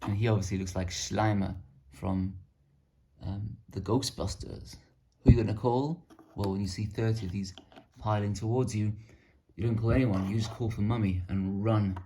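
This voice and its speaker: Man, low gravelly voice, casual hobby show-and-tell, rambling and self-deprecating. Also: flat delivery, moderate pace, dark tone. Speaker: miniature painting hobbyist.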